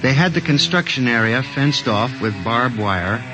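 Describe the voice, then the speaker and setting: In a 1950s radio drama with a muffled, lo-fi old broadcast sound and music, a man voices the narrator and lead character, a timid, middle-aged male statistics clerk who is hesitant and earnest. His medium-pitched voice has lively intonation and a measured pace.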